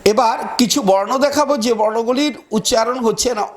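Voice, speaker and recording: A man's voice: very high voice, a little hiss or hum. A man teaching a pronunciation lesson, spelling words out letter by letter and talking straight to his students. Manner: talks to students directly, repeating words slowly.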